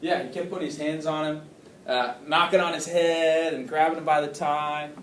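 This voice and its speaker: A man's voice: fairly high pitch, steady tone, moderate pace, a bit bright, a little hiss or hum. A man teaching a class, asking questions and praising students' answers. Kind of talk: classroom lesson. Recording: roomy classroom, mic far off.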